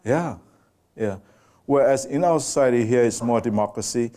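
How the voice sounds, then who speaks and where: A man's voice: mid-range voice, dark tone. A man from Samoa, giving a public lecture presentation and putting questions directly to the audience. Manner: unhurried, quizzes the audience directly. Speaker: guest lecturer. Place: lecture room with a live audience.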